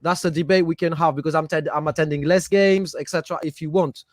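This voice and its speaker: With a French accent from his Paris upbringing, a high-voiced man talks fast and steadily as a podcast guest and football fan, arguing his position in a casual chat. His passion shows as he repeats words hunting for the right one. The recording is close and dry, with no room sound at all.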